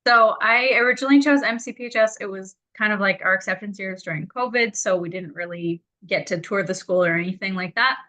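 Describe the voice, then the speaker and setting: Bright-voiced student in her twenties. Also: medium pitch, fairly quick, few pauses. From Canada. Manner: chatty, informal, laughs easily. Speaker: optometry student panelist.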